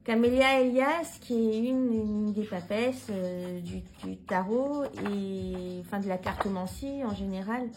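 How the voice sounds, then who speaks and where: A woman's voice: medium pitch, measured pace, few pauses, a little mellow, slight background noise, low-quality recording. A woman talking casually to her viewers as a tarot reader, hesitant, with many fillers and restarts, frank and informal. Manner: frank and informal, mild swearing. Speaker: tarot reader presenting books. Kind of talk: casual vlog talk.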